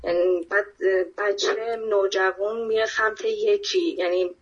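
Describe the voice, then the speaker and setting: A woman's voice: mid-range voice, fairly even intonation. Woman on a dull, lo-fi call line. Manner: polite, earnest, thinks aloud with repeated fillers. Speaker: workshop participant. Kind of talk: speaking up in an online class.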